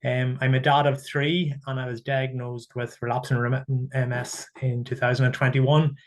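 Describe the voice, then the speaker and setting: A man from Ireland, a guest speaker talking in an earnest, steady, reflective way over a video call. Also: mid-range voice, moderate pace. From Northern Ireland. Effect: heard over a video call. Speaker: guest speaker sharing his story. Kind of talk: casual talk on a webinar.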